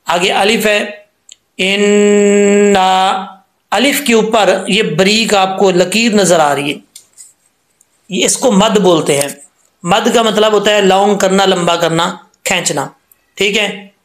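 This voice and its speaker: A man teaches Quran recitation, drawing out syllables and repeating them patiently. His voice sits high, and it rings around a reverberant room. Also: a bit bright. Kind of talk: tajweed lesson explaining letter sounds.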